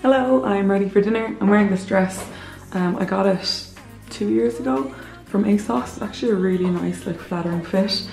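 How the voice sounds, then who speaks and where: A woman's voice: mid-range voice, moderate pace, a little mellow, soft background music, low-quality recording. A woman narrating a travel vlog in a chatty, gushing way, full of "like" fillers. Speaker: travel vlogger. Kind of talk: casual vlog narration to camera.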